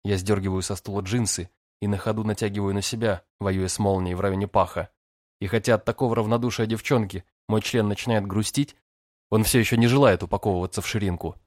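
A man's voice: fairly low pitch, steady tone, quick pace, darkish tone, dry recording, clean studio sound. A man narrating an audiobook in the first person, with a cocky, teasing manner.

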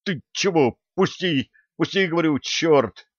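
A man voicing a rough bearded warrior in an audiobook, speaking in a gruff, urgent, folksy way. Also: fairly low pitch, a little slow, fairly bright tone, no echo, dull audio. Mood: angry.

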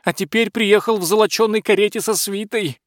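A man's voice: high-pitched, fairly even intonation, a little fast, no room sound, studio quality, pitched above the performer's own voice, natural voice. A man voicing a scheming, fawning male court butler who whines and pleads. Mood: hurried. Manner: pleading, wheedling.

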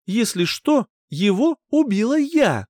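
A feisty young woman warrior with a raised, indignant voice, as a male narrator puts her on. She snaps and scolds in quick bursts, her pitch swinging widely. The audiobook reading is close and dry. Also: very animated, darkish tone, dry recording, full character voice. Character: sharp-tongued young woman fighter.

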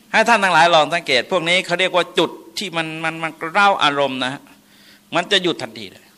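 Older monk preacher, folksy dharma talk, bright tone, chants verses. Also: male voice, fairly high pitch. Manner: folksy, laughing asides, chanting Pali verses. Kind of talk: dharma sermon.

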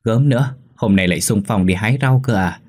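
Một người đàn ông giọng trầm khàn lồng tiếng một bà vợ nông thôn lớn tuổi hay lo lắng, nói lắp khi sợ hãi. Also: male voice, fairly low pitch, a little fast, darkish tone, lightly acted. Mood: teasing, rising. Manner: anxious, stammering when scared. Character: worried older village wife, anxious, fussing.

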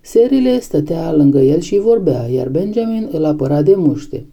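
A woman narrating a novel as an audiobook, reading in a measured, steady way. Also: low-pitched, creaky.

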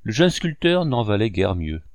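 Male audiobook narrator, expressive, dry close mic. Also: fairly low pitch, moderate pace, no room sound. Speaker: audiobook reader.

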